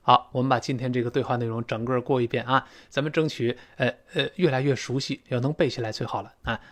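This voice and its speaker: A man teaching an English lesson, talking chattily and slowly repeating English words to model pronunciation. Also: mid-range voice, steady tone, a bit bright. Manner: chatty with many fillers and folksy sayings. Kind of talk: recorded English lesson explaining a dialogue.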